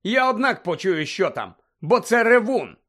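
A man's voice: high-pitched, very animated, normal speed, a bit bright, voice pushed up, exaggerated voice. A man voicing a defiant teenage boy wizard who speaks urgently in an audiobook. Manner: urgent, insistent. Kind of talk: audiobook character voice.

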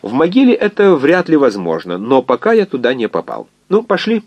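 A man's voice: medium pitch, huge pitch swings, fairly quick, no room sound, muffled recording, pitched above the performer's own voice. A man voicing an ironic, unflappable male doctor who jokes his way through hardship. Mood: wry, teasing. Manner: bantering, bright and teasing.

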